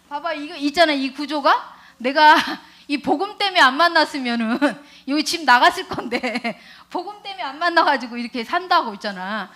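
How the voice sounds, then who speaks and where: High bright-voiced woman preaching to children. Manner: animated storytelling with many tag questions to the children; laughs while telling stories. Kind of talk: children's sermon with call-and-response.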